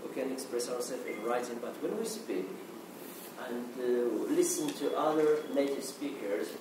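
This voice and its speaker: With a mid-range voice and lively intonation, an Arabic-speaking man from Morocco delivers a halting conference talk in English with a Moroccan accent. He keeps restarting and uses "okay" to fill pauses, while a far-off mic picks up a noisy, echoing hall.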